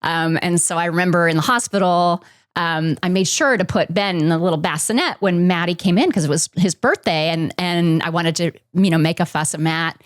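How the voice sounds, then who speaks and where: Podcast guest, woman, middle-aged, slightly low voice, reflective and halting, dry close mic. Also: no echo. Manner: reflective, halting, many fillers. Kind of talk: personal storytelling in an interview.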